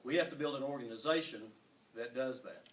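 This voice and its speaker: A mid-pitched man speaks earnestly and in a businesslike way at a campaign forum. He is picked up from a distance in a roomy, echoing space with a little faint noise. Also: a little fast. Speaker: political candidate. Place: large room at a public forum. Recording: echoey hall, picked up from afar, faint noise.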